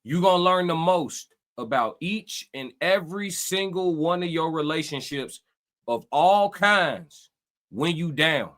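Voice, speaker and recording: A man's voice: fairly high pitch, animated, measured pace, a bit bright. A man hosting a live reaction stream, talking to his chat and giving emphatic life advice. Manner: preachy, emphatic, talks to chat.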